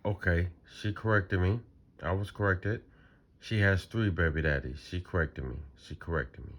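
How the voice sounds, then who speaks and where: A man's voice: low-pitched, moderate pace, a bit bright. A man hosting a reaction channel, talking casually and in disbelief about a clip he is watching. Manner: incredulous, repetitive, conversational.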